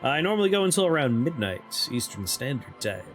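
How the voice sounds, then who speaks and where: A man's voice: medium pitch, sing-song, fairly quick. A man livestreaming a game, chatting casually and reading options aloud as he plays. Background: faint game music.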